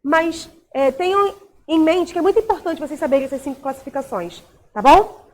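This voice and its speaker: Woman teacher, Brazilian Portuguese accent, high voice, animated pitch, explains with examples and tag questions. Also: fairly quick. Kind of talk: recorded grammar lesson.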